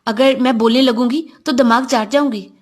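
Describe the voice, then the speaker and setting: A woman voicing an innocent, gentle young woman with a playful, friendly way of talking. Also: on the high side, fairly even intonation, close to an everyday voice.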